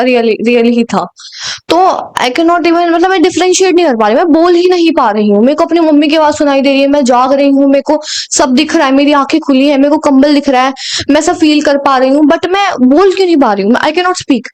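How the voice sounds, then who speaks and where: A woman's voice: sits high, fairly quick, a little mellow. A young woman from India telling a personal story in a chatty, dramatic way, slipping into English now and then and often laughing at herself. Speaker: storyteller vlogger. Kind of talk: casual storytime vlog.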